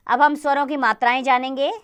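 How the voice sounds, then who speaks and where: A woman teaching a grammar lesson to children, spelling out sounds slowly and deliberately. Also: sits high, level tone, smooth.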